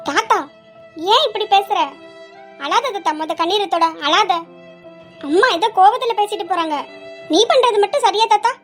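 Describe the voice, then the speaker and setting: Woman doing a sweet college girl calming grandpa down, high voice, gentle coaxing. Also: moderate pace, long pauses, soft background music. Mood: soothing. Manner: coaxing, soothing, teasing. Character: young college girl, caring granddaughter, playful. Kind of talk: homemade family skit acting.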